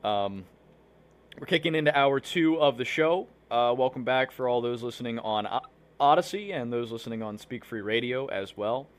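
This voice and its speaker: Man, livestream host, hiccups, rambling, lots of ums and restarts, mid-pitched. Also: lively intonation, moderate pace. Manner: rambling, filler-heavy, restarts often. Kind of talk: casual livestream talk to viewers.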